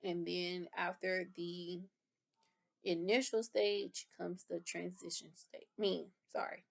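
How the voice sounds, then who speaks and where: A woman's voice: on the low side, flat delivery, slow pace, vocal fry. A woman reviewing course material in a lecture, explaining terms and rephrasing them with casual fillers. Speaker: instructor.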